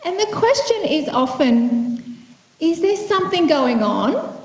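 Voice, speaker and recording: This woman's pitch is extremely high, her tone darkish, and she speaks slowly yet very animatedly. She is a psychiatrist from Vietnam presenting at a conference in a lecture room, thoughtful and conversational with many fillers and restarts. The recording is echoey, dull, and lo-fi.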